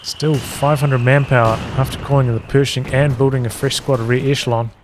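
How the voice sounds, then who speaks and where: A man's voice: medium pitch, fairly even intonation, brisk, over music. A man giving live play-by-play commentary on a strategy game in clipped, fragmentary running remarks. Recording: loud game gunfire and explosions behind. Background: video game artillery, gunfire and vehicle sounds.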